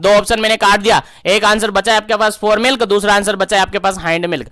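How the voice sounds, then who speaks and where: A man's voice: high voice, fairly even intonation, a little fast, bright, forceful tone, no echo, studio quality, soft background music. A young man teaching an online nursing exam-prep class, emphatic, repeating key answers back as quiz questions.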